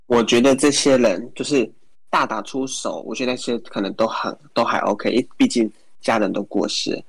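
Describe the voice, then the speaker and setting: A man with a Taiwanese accent chatting casually as a care worker, telling colloquial anecdotes in an animated way. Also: medium pitch, moderate pace, gravelly, husky, no echo. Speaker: care facility worker telling work stories.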